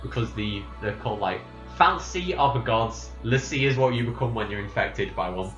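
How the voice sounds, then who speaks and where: A man recapping a game's plot from memory in casual chat, rambling and halting, with lots of restarts. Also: on the low side, lively intonation, a bit bright, soft background music. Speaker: podcast host. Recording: roomy, slightly dull home recording.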